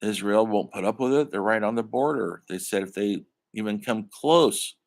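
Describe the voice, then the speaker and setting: With a lowish, creaky voice at a moderate pace, an older male film instructor gives a conversational college lecture. He keeps calling his students folks.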